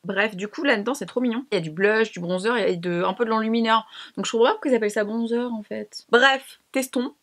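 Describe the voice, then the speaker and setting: A woman's voice: a little high, quick pace, few pauses, a bit bright. A young woman chatting casually to camera as she tests makeup, slangy and self-mocking. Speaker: beauty vlogger. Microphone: camera mic.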